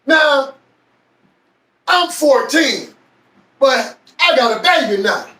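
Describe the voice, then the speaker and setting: A man telling a personal story in a slow, deliberate way with long pauses. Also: extremely high pitch, lively intonation, sharp tone. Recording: echoey room, far from mic.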